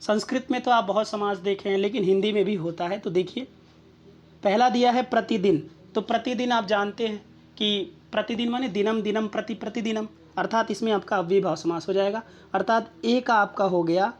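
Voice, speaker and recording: Woman teacher going through exam answers, steady and methodical, keeps asking "right?". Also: mid-range voice, a little fast. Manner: methodical, checks in with rhetorical questions. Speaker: Sanskrit exam tutor.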